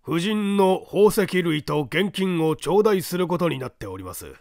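A man voicing a sly phantom thief who speaks in a hoarse old man's voice, mockingly polite and unhurried. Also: on the high side, animated, darkish tone, dry recording, studio quality. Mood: mocking politeness. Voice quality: hoarse, gravelly. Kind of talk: audiobook character voice.

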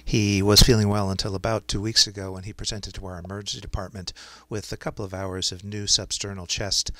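A man dictating medical notes aloud to speech recognition software, in clinical phrasing with punctuation spoken out. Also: fairly low pitch, flat delivery, a little fast, no echo. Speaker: software demonstrator.

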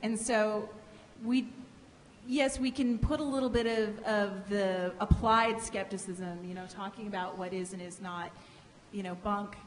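A woman's voice: medium pitch, steady tone. Woman panelist in a reverberant hall. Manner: measured and explanatory, with frequent restarts. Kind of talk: conference panel discussion. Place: large conference hall stage. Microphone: microphone on a table stand. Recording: reverberant hall, faint background hiss.

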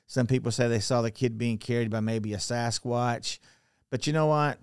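In a storytelling conversation on a podcast, a middle-aged male guest speaks at a normal speed into a boom-arm studio mic in a study lined with books. Lively and full of gestures, he keeps restarting and lets his phrases fade quietly at the end. The tone is clean, with no room sound and clean studio audio.

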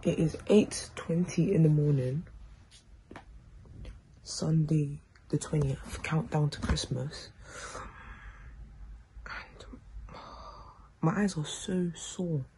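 A woman's voice: low-pitched, slow, long pauses, a little hiss or hum, low-quality recording. Sleepy young woman. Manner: loud, excitable, lots of slang. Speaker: vlogger. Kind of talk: casual vlog chat. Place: home, indoors.

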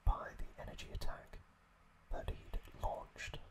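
An ASMR host whispers entirely on breath, giving a very slow recap. He's halting and unhurried, pausing often as he moves through it.

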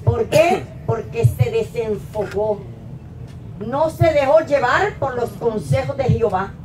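A middle-aged woman pastor preaching a sermon at a pulpit into a handheld mic, rising to emphatic peaks and then dropping low. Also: noisy background. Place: small church hall, at a wooden pulpit. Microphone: handheld mic, filmed from a distant camera. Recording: echoey church hall from far off.

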